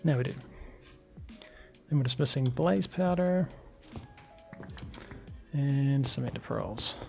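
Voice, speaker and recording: Male let's player, a little hoarse, gravelly and relaxed, casual commentary over quiet music. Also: mid-range voice, slow. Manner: chatty, thinks aloud with fillers and small laughs. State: slightly hoarse. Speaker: let's play gamer.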